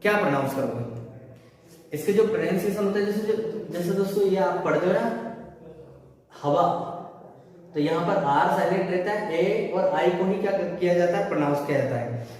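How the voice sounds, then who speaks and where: A man's voice: sits high, moderate pace, long pauses, darkish tone. A man teaching an English grammar lesson, explaining step by step and asking the class questions that he answers himself. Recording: echoey room picked up from far off.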